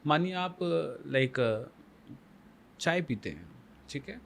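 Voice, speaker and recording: A man's voice: medium pitch, very animated, takes it slowly, fairly bright tone, slight background noise. A man as the guest life coach on a podcast, explaining emphatically with rhetorical questions and mixing Hindi with English phrases. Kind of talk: podcast conversation.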